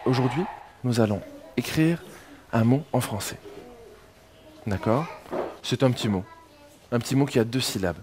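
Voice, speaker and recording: A woman's voice: extremely low pitch, animated, moderate pace, long pauses, noisy background. A woman teacher in a classroom with a French Polynesian accent, patiently prompting young pupils syllable by syllable. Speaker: kindergarten teacher.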